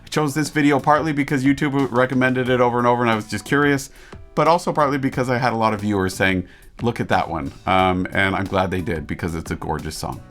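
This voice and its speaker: A man in the middle of his pitch range coaches viewers through singing technique. He sounds enthusiastic and explanatory, often tossing in rhetorical questions as he breaks down a performance. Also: fairly even intonation, fast, a bit bright, faint music behind. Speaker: vocal coach reacting to a performance. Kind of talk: casual teaching commentary.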